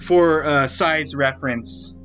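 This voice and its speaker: Male streamer, casual rambling play commentary, unhurried delivery, faint game music behind. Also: a little high, fairly bright tone, muffled recording. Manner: rambling, with frequent restarts and self-corrections. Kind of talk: casual commentary while playing.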